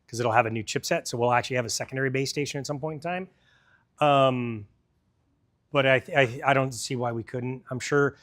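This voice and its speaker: A man's voice: mid-range voice, fairly bright tone. A man presenting a product in a store demo, talking casually and explaining technical details to a crowd.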